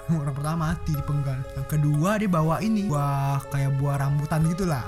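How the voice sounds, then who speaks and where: A man's voice: fairly high pitch, normal speed. Young male podcast co-host, storyteller voice with music behind. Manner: animated storyteller, laughs at his own jokes. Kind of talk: casual joke telling.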